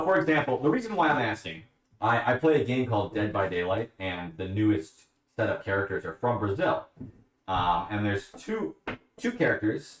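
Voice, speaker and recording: A man's voice: lowish voice, recorded from a distance. A man chatting casually on a live stream, answering questions from his chat. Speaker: livestreamer. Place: at home, bathroom with a bathtub. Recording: echoey room, away from the mic.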